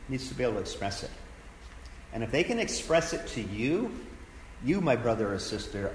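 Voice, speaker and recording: A man, a pastor, teaching a sermon in an earnest, conversational way, repeating his key phrases. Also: mid-range voice. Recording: echoey hall with faint background noise.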